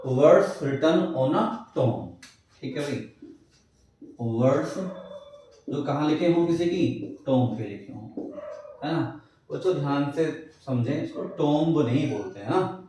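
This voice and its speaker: A male English teacher lectures his class in a medium-pitched, warm voice, repeatedly posing questions to his students and then answering them himself. He keeps checking in with phrases like "clear hai." The classroom is echoey, he's far from the mic, and there's a little hiss or hum.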